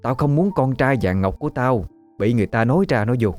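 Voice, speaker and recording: A man's voice: deep voice, animated, moderate pace, warm tone, soft background music. A man voicing a scheming, domineering older village woman in a spoken ghost story. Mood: scolding.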